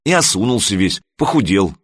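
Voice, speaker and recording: Guy reading a fretful loving mother, soft husky voice, dry sound. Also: on the low side, big pitch swings, fairly quick, dry recording. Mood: worried. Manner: worried, sighing. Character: worried caring middle-aged mother. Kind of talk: audiobook character voice.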